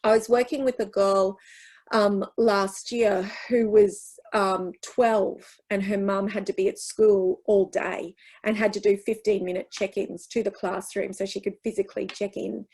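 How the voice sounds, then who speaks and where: A woman's voice: medium pitch, level tone, a little slow, darkish tone, husky, poor audio. A woman giving a workshop talk and answering questions, speaking earnestly and reassuringly, with emphatic repeats and restarts. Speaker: workshop presenter.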